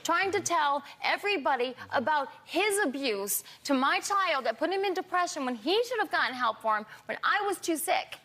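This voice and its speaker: A middle-aged woman with slurred speech, answering defensively and haltingly in an interview, often repeating and restarting her phrases. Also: high-pitched, animated, fairly bright tone. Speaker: talk show guest. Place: television studio in front of an audience.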